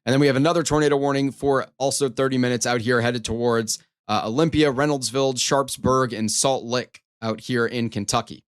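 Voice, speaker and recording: A man's voice: mid-range voice, steady tone, a little fast, few pauses, smooth. A man hosting a live storm coverage stream, giving running weather commentary in an emphatic, repetitive way. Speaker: storm coverage livestream host.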